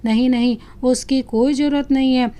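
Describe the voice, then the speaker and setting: A woman voicing a tired but affectionate young wife who speaks gently and shyly, in a storybook reading. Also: high-pitched, fairly even intonation, normal speed, lightly acted. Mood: fond. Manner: gentle, shy.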